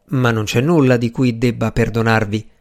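A man voicing a volatile fairy gentleman. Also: mid-range voice, steady tone, normal speed, natural voice. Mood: surprised, gracious. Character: moody ancient male fairy gentleman, volatile and grand.

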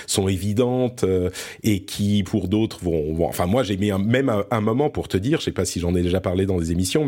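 A French podcast host chats casually about pop culture, frequently searching for words and restarting his sentences. His voice is on the low side and a little mellow.

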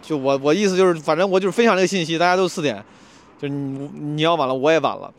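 A man telling a story in a casual vlog, animated and acting out a quarrel in a raised voice. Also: on the high side, quick pace. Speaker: comedian vlogger.

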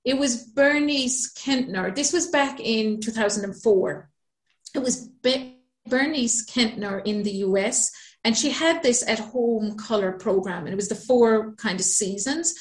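A woman from Ireland with an Irish accent, a business mentor telling her story as a podcast guest in a chatty, lively way. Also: fairly high pitch, unhurried, roomy sound. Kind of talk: podcast interview.

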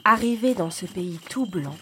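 A woman reading a fairy tale aloud in a calm, expressive storytelling voice. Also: mid-range voice, normal speed, a little hiss or hum.

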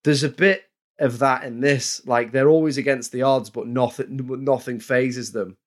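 A man's voice: mid-range voice, steady tone, moderate pace. A man co-hosting a podcast, rambling casually about a film with many restarts. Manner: rambling, restarts, drops into offhand mock voices. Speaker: podcast co-host. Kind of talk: casual film review chat.

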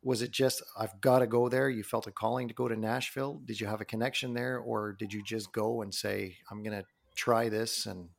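A man's voice: fairly low pitch, steady tone, a little fast, gravelly, few pauses. A man hosting a podcast, asking curious, friendly questions in casual chat. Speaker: podcast host.

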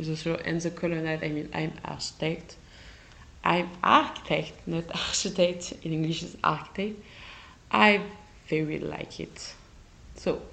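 A woman with a French accent, a native French speaker, hosting a solo podcast and often pausing to search for English words. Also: lowish voice, gravelly, low-quality recording. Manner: halting, searches for English words, self-correcting. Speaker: podcast host. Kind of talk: casual solo podcast talk.

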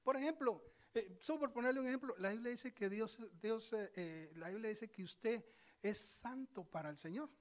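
A male preacher giving a sermon, telling scripture stories with lively asides and speaking straight to his congregation. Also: high voice, normal speed. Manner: lively storytelling, acts out scripture voices; addresses congregation directly, conversational asides.

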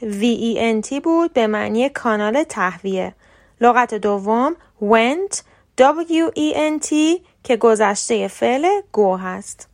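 A woman from Iran hosting a scripted podcast lesson on English pronunciation, speaking clearly and carefully and slowing down to spell out example words. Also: on the high side, darkish tone.

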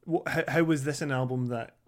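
A man's voice: medium pitch, fairly even intonation, brisk. A man in his thirties co-hosting a podcast in casual chat, informal, sweary and self-deprecating. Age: 30s. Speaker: podcast co-host.

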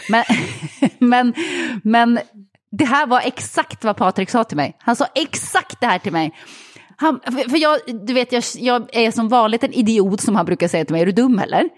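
A woman co-hosting a podcast in casual chat, telling stories lively while lying on a yoga mat on the floor. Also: on the high side. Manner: lively storyteller, quotes others. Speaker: podcast co-host.

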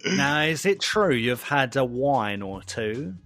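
A man's voice: mid-range voice, very animated, takes it slowly, a bit bright, soft background music. A man with an Essex accent hosting a casual podcast with blokey, enthusiastic banter. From Essex, England. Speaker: podcast host.

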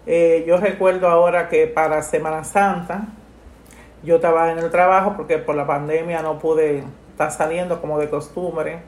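A middle-aged woman, talking softly and haltingly about her late mother, full of grief. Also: low-pitched, steady tone, echoey room. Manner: grieving, soft and halting, with many restarts. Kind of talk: emotional personal conversation.

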